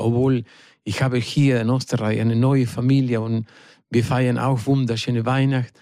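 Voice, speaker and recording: A middle-aged Argentine singer, a studio guest on a radio interview, speaks German as a second language with an Argentine Spanish accent, halting and searching for words. His voice is medium-pitched, gravelly and dark, captured cleanly in the studio with no room sound.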